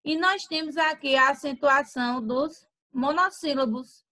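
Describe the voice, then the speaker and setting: A Brazilian woman teaching a grammar lesson, speaking slowly and stretching out example words, checking in with "tá?". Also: high voice, sharp tone. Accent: Brazilian Portuguese. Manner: slow and deliberate, stretching out example words and using "tá?" tag questions. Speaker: Portuguese teacher.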